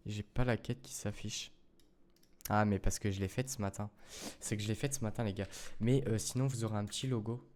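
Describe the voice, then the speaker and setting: His lowish, darkish voice moves quickly with fairly even intonation as he walks viewers through a gameplay tutorial. The gaming YouTuber speaks casual French, rambling and full of fillers and self-corrections.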